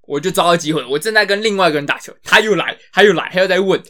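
A man in his twenties telling an animated story in a casual podcast chat, swearing when he gets worked up. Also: high-pitched, very fast. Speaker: podcast co-host.

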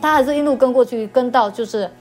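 A woman giving a personal faith testimony as an interview guest. She speaks haltingly, repeating words and restarting often. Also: fairly high pitch, a little mellow, soft background music.

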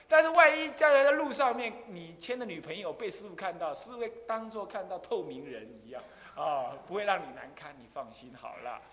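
Animated abbot lecturing with hall echo. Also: male voice, sits high. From Taiwan. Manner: animated, acts out voices, rhetorical questions. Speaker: Buddhist abbot, teacher. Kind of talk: dharma lecture with storytelling. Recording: long hall reverb.

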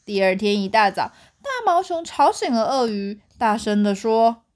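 A young woman with a Taiwanese Mandarin accent reading a picture book aloud to her child at bedtime, in an animated storytelling way. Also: medium pitch, moderate pace.

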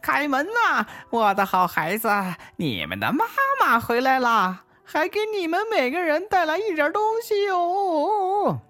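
Man doing a cunning wolf, sugary falsetto, sly edge, big pitch swings, comic storybook. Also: sing-song, a little slow, hardly any pauses, pushed and bright, dry recording, faint music behind, heavily acted. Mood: scheming. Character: sly hungry male wolf faking a mother's voice.

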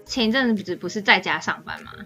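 Woman rambling thru a work story, talks super fast, bright voice, faint music behind. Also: mid-range voice. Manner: animated, rambling, acts out quoted dialogue. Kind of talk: casual chat storytelling.

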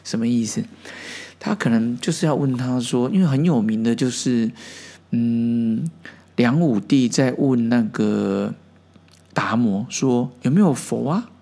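A man hosting a podcast, calmly explaining old Zen stories and briefly acting out the quoted exchanges. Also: medium pitch, vocal fry. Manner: unhurried, acts out quoted exchanges in small voices. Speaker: podcast host.

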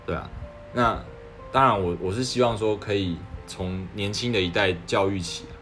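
A man's voice: lowish voice, moderate pace, a bit bright, soft background music. A man. He is a young doctor giving casual advice, earnest and persuasive, often asking rhetorical questions. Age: 20s.

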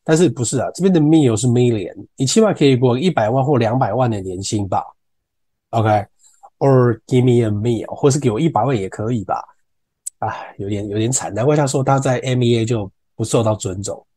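A man's voice: mid-range voice, fast, warm tone, breathy edge, no room sound. A man with a Taiwanese Mandarin accent hosting an English-teaching podcast, explaining English phrases in Mandarin and repeating words to drill their pronunciation. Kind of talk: casual teaching talk.

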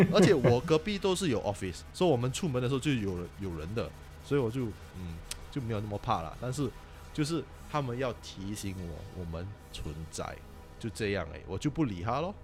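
一位新加坡口音的年轻男子，用夹杂英文的华语随意地讲鬼故事。. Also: male voice, mid-range voice, a little fast, soft background music. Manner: animated, mixes English words into Mandarin. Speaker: podcast guest storyteller. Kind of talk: casual ghost-story chat.

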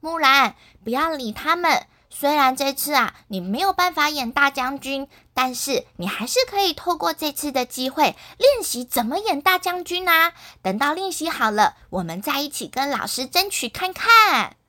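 A woman's voice: sits high, animated, normal speed, hardly any pauses, pushed and bright. A woman voicing a firm, caring girl class monitor who lectures classmates in a children's story. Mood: comforting. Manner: scolding, lecturing.

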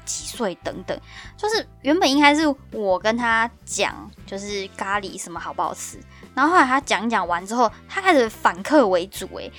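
A young woman in her twenties with a Taiwanese Mandarin accent, hosting a casual podcast and telling stories in an animated, exclamatory way. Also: on the high side. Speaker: podcast host.

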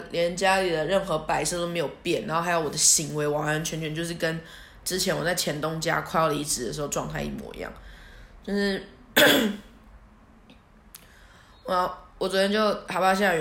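A woman's voice: on the low side, steady tone, a little fast, a bit bright. A young woman, hosting a podcast and telling a story in a chatty, self-mocking way. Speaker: podcast host. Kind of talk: casual storytelling monologue. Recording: echoey room.

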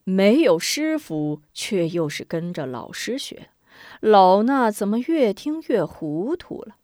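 A woman voicing an elderly, wise and genial male Shaolin abbot in a told martial-arts story, speaking slowly in a lowered voice. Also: big pitch swings, darkish tone, no room sound, clean studio sound. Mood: amused.

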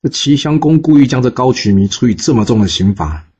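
A man telling a historical story in a lively way, with asides to his listeners. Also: medium pitch, a little fast, husky, muffled recording.

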